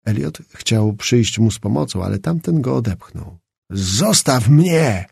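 A man reads a novel aloud with expressive, dramatic storytelling and a lively, swinging pitch. His voice is gravelly and husky. The recording is close and dry. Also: normal speed, dry recording. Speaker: audiobook narrator. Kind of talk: scripted narration.

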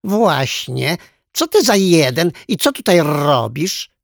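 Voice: mid-range voice, sing-song, takes it slowly, creaky, no room sound, studio quality, voice pushed up, heavily acted. A storyteller voicing a toy parrot that squawks and repeats whatever others say, in a children's storybook reading. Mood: squawky.

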